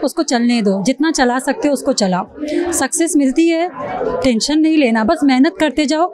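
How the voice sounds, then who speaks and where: A woman's voice: high-pitched, animated, normal speed. A woman makeup artist answering interview questions in an earnest, motivational manner. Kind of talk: event interview. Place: busy indoor expo hall. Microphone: handheld mic. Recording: loud crowd around. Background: loud crowd chatter.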